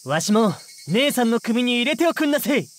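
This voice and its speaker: A woman voicing a brash, cheeky teenage schoolboy in a visual novel game, with rough, slangy, clowning speech. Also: a little high, big pitch swings, brisk, slight background noise. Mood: brash, joking. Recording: music under the voice.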